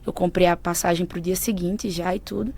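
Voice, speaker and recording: A woman, a podcast guest who shares a personal faith story in an earnest, emotional way that often goes soft. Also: fairly low pitch, steady tone, a little fast, husky. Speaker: podcast guest, mentor of women. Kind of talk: personal faith testimony in conversation.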